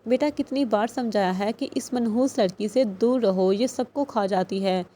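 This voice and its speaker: A woman's voice: medium pitch, mellow, close to an everyday voice. A woman reading the lines of a stern older aunt who scolds angrily, in an audiobook. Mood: angry scolding. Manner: angry, scolding.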